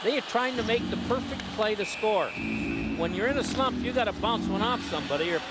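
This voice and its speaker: Male color commentator, high-pitched, folksy explainer of live hockey, with loud music behind him. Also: lively intonation, brisk, low-quality recording. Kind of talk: live sports commentary, analysis.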